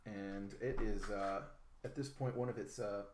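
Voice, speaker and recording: A man running a tabletop game as game master, narrating in a relaxed, hesitant way with many fillers. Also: lowish voice, measured pace. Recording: roomy, noisy home recording.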